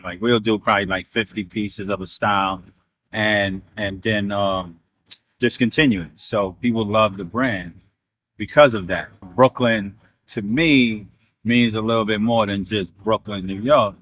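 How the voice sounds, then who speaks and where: A middle-aged man from Trinidad, a fashion brand founder, telling his story in a relaxed, reflective interview. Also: fairly low pitch, no room sound, poor audio.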